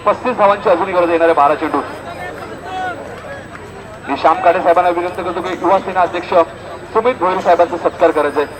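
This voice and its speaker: Over a loud crowd in a noisy outdoor recording, a fast-talking man with a high-sitting voice and long pauses commentates on a local cricket tournament. He has a Maharashtrian accent, makes announcements, and emphatically keeps repeating the score.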